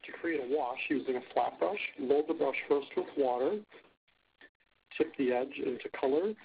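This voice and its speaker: A man's voice: mid-range voice, normal speed, soft background music. A man giving scripted step-by-step narration from an instructional video, played aloud from a phone held up to a speaker and re-recorded. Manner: short step-by-step commands. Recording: tinny phone-like playback through a speaker.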